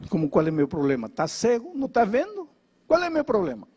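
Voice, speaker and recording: A man's voice: a little high, animated, moderate pace, mellow, slightly rough. A man voicing a bedridden young man who is bitter, then humbled, and whose voice rises in anger. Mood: bitter, angry.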